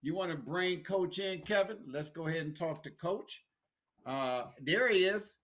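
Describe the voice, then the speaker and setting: Male sports talk host, slightly high voice, excitable, stammers into repeats, laughs a lot. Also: a little slow.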